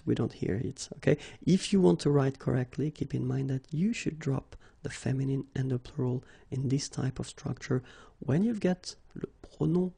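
A man's voice: medium pitch, gravelly, dark tone, slightly rough. A man with a French accent and French as his first language, teaching a grammar lesson in a patient, explanatory way. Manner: patient, explanatory, says "okay" often.

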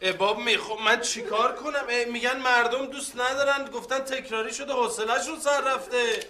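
An actor playing a fawning, flustered young office clerk in a comedy series, stammering when cornered. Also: male voice, very high-pitched, pushed and bright, slight background noise. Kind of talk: sitcom acting.

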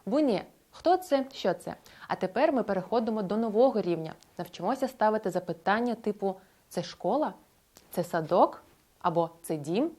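A woman's voice: medium pitch, lively intonation, a little mellow. Woman narrating a scripted language lesson. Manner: clear, explanatory, slows down to model example phrases. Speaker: language teacher.

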